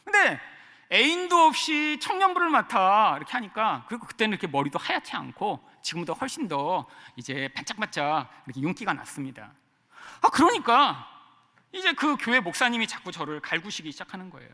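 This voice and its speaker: A middle-aged man preaching a sermon as a pastor, telling a personal story in an animated way. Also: high voice, a little fast, long reverb tail. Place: church sanctuary.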